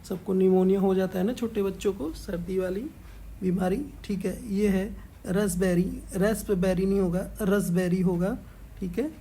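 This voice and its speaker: A woman's voice: mid-range voice, steady tone, dark tone, husky. A woman teacher, patiently explaining a worksheet in an online class and often checking in with the pupils. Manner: slow, patient, repeats "ठीक है" after each point.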